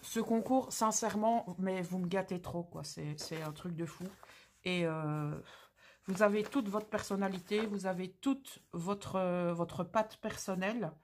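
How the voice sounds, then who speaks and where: A craft channel's female host unboxes items in a casual, effusive way, full of slang and exclamations. Her voice is lowish and darkish, her pace a little slow, with slight background noise.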